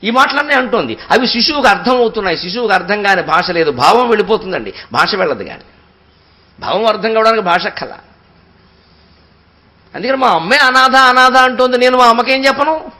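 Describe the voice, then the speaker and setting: A man giving a devotional discourse, telling stories expressively and chanting verses slowly and at length. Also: sits high. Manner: expressive storytelling, slow drawn-out verse recitation. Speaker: spiritual discourse speaker.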